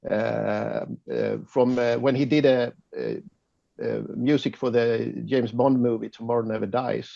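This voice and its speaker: Swedish dude, gravelly voice, halting english, dull lo-fi call audio. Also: male voice, mid-range voice, fairly even intonation, mellow, no echo. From Sweden. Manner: hesitant, many fillers and restarts, laughs often. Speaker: guest photographer. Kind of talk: casual interview chat.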